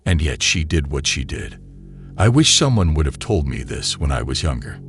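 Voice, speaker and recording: A man delivering scripted commentary voice-over in a measured, lecturing manner. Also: rumbling low, very animated, fairly bright tone, soft background music. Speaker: commentary narrator.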